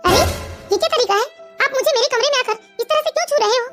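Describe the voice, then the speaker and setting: Woman as a young cartoon wife, pleading, very high-pitched, rushed. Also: expressive, fairly bright tone, soft background music. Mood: defiant. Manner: pleading, insistent.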